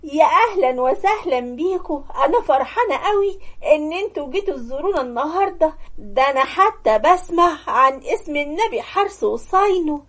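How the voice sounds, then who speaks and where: Scheming Egyptian mom, sugary and sharp, high voice, read by a woman storyteller. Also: lively intonation, brisk. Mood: sweet hosting. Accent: Egyptian Arabic. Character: scheming middle-aged mother, sugary to guests, harsh to kin.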